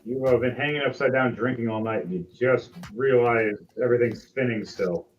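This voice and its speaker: A man's voice: mid-range voice, moderate pace, recorded from a distance, slight background noise. A man running a tabletop game as game master, narrating casually and theatrically. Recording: dull lo-fi audio with music.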